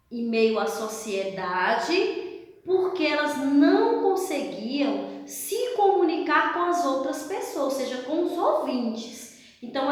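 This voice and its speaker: A Brazilian woman speaks slowly in a high voice, in the manner of a children's show host leading a school lesson. She coaxes young listeners with simple questions and repeats her explanations. The recording is heavily echoey and reverberant. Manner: kids show host address, coaxing with simple questions and check-ins. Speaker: primary school science teacher. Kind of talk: spoken lesson review for children.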